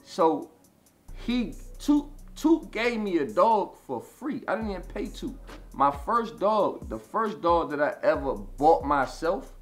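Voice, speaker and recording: A man's voice: a little high, big pitch swings, slow, faint music behind. A man in his thirties telling a long personal story in a casual interview, rambling with lots of "you know what I'm saying" and swearing. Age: 30s. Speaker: interview guest.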